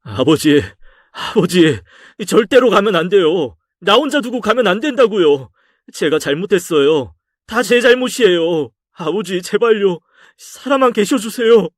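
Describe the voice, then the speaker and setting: A man's voice: on the high side, big pitch swings, normal speed, no echo, studio quality, pitched above the performer's own voice. A man reading a story aloud and voicing a sulky, hopeless young adult son who talks back in a raised voice. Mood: anguished. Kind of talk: audio drama story reading.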